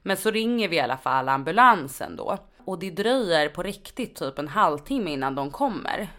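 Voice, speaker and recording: A nurse with a Stockholm accent co-hosts a podcast, telling stories in relaxed, slangy, sweary conversation. Her lowish voice is sing-song and a bit bright.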